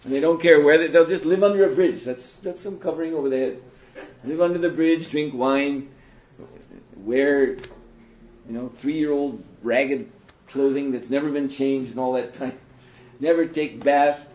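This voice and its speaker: A man giving a sermon to an audience, telling stories in an animated way, now and then laughing. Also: on the high side, normal speed. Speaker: monk lecturer. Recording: dull roomy lecture recording.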